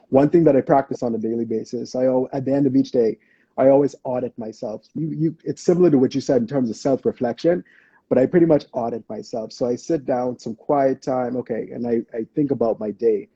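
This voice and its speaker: A man's voice: medium pitch, fairly even intonation, brisk, mellow, slightly rough, dry recording, dull audio. A man from the Bahamas hosting a podcast, affirming and reflective, often praising his guest in casual interview chat. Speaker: podcast host.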